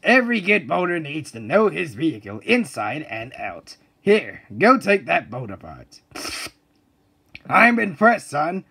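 A stern cartoon drill sergeant of a driving teacher. His voice is high for a man, creaky and rough. He barks orders with military bluster, his pitch jumping about. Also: sing-song, unhurried, pushed and bright, full character voice. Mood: commanding. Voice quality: gravelly, husky. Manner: barking, commanding, military. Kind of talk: cartoon voice acting.

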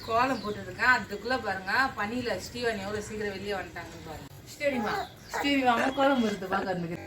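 A woman's voice: mid-range voice, fast talker. Chatty young woman vlogging outdoors. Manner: chatty, addresses viewers as friends. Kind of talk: casual vlog narration. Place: outdoors at a village house and street. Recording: noisy outdoor phone recording.

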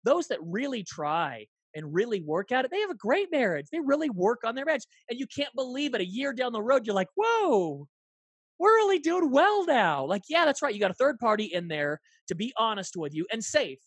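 A man's voice: sits high, brisk, hardly any pauses, breathy edge, no echo. A man in his forties, a guest in an interview, telling stories animatedly and acting out dialogue. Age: 40s. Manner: animated, acts out dialogue in lively voices. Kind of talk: conversational interview storytelling.

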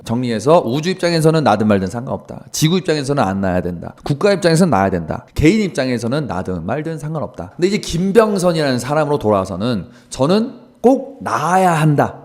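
Fast-talking animated male comedian. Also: on the high side. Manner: animated, crude, rapid storytelling. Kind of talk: comedic monologue.

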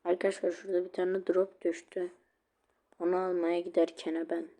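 A male gaming creator giving casual commentary over his match, chatty and quick to get annoyed when the game freezes. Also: high voice, flat delivery, dark tone. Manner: chatty, easily annoyed, swears at lag; repeats a sing-song catchphrase.

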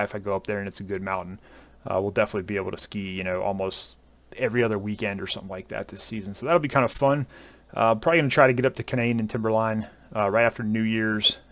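A relaxed man in his thirties talks casually to his viewers through a headset at home. His voice sits slightly low and the talk rambles along, full of uhs and ums. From Southern US. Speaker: ski vlogger. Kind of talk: casual chat to camera. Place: home room at a desk.

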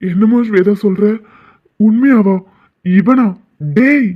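Guy voicing a gruff village servant, threatens folks, high voice, muffled audio. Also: slow. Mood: furious. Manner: threatening, rough. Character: gruff loyal male servant of a village household.

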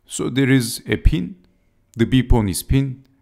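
A man's voice: medium pitch, a little slow, gravelly, darkish tone. A man giving scripted chess game commentary as narrator, speaking in short, clipped move-by-move phrases.

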